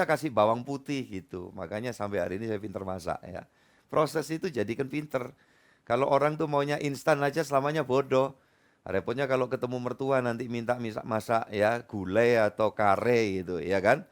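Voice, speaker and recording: A man's voice: medium pitch, normal speed. A middle-aged male pastor, preaching a humorous, conversational sermon full of asides to the congregation. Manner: chatty, joking, peppered with asides to the congregation.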